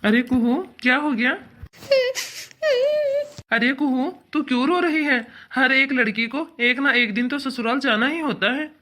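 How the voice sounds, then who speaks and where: A woman's voice: high voice, unhurried, sharp tone, heavily acted. A woman voicing a caring young man in a cartoon, who talks in an earnest, coaxing way. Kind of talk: cartoon dubbing.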